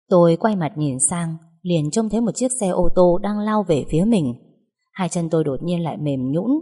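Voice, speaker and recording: A woman narrating a dramatic story in the first person, steady and expressive. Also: lowish voice, husky. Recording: long hall reverb.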